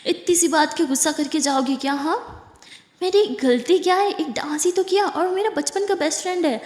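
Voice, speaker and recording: A woman's voice: very high-pitched, darkish tone, pitched above the performer's own voice. A woman voicing a playful, teasing young woman in love, reading her lines in a spoken love story. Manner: teasing, pleading. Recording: echoey reverberant room.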